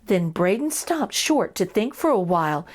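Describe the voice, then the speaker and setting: A woman whose mid-range voice swings widely in pitch reads a children's picture book aloud expressively at a moderate pace. As the story's reader and host, she adds little asides to young listeners.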